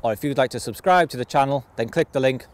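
A man's voice: medium pitch, fast. A man giving a short channel outro outdoors, speaking directly to viewers. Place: outdoors among trees.

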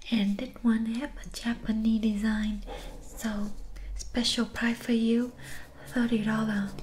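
Woman acting a soft-spoken Vietnamese-accented shopkeeper, slow and soft. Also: fairly high pitch, a little hiss or hum, poor audio. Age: young adult. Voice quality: soft-spoken, breathy half-soft voice. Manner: clipped broken-English sales patter with checking tags. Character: pushy, persuasive female Vietnamese shopkeeper selling sleep remedies. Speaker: ASMR performer. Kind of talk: ASMR role-play.

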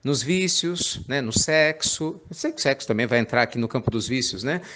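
A man's voice: medium pitch, animated, fairly quick, a bit bright, a little hiss or hum. A man giving an informal sermon, chatty and playful, full of tag questions. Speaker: spiritist preacher.

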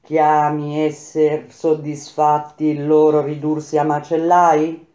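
A woman's voice: low-pitched, monotone, slow pace, warm tone. A woman voicing a wise older woman who speaks in a probing, questioning manner. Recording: roomy echo.

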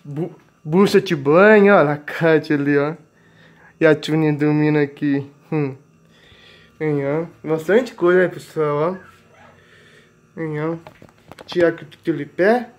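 In his home kitchen, a young man in his late teens with a Brazilian accent vlogs a casual grocery haul, speaking slowly in a slightly high voice and pausing often. Plastic bags crinkle clearly as he repeats things and points them out with filler tags.

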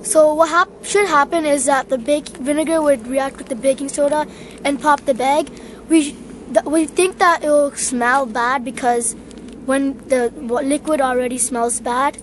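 A woman's voice: high-pitched, steady tone, normal speed, a little hiss or hum. A woman explaining what an outdoor experiment should do, hesitant and correcting herself. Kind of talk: casual science demo.

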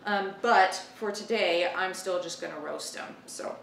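This host's voice is gravelly and fairly low-pitched, and she speaks at a measured pace. She's a woman in her thirties giving a relaxed cooking demonstration in her home kitchen, thinking aloud informally. The audio is very noisy, picked up from a distant mic in a roomy space amid chopping, clicks and clattering pans.

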